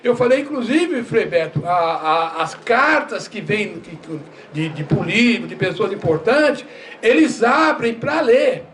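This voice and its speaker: An older man, a former postal worker, telling lively stories at a seminar, acting out dialogue and often laughing. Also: sits high, a little slow. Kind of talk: storytelling talk at a seminar. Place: university seminar room. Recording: distant mic, faint room noise.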